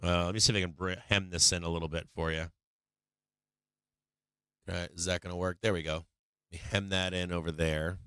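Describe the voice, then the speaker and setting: Thin-voiced, bright man swearing casually. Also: level tone, a little fast, long pauses, clean tone, dry recording. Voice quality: thin, tinny voice with little bass. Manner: rambling, profane, blunt. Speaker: stock trading livestream host. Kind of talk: casual live trading commentary.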